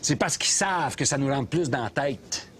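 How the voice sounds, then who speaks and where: An actor plays a middle-aged Québécois taxi driver with opinions on everything, sneering and ranting from behind the wheel. His voice sits in a middle pitch, and faint background noise hangs under it inside the cab. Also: animated, normal speed, close to an everyday voice. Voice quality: sarcastic ranting, mocking. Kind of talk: scripted comedy sketch.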